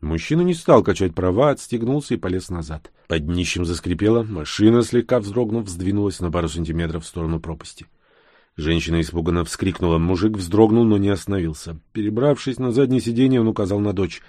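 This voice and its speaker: A man narrating a post-apocalyptic audiobook in a steady, dramatic reading style. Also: sits low, brisk, no room sound, studio quality. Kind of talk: scripted narration.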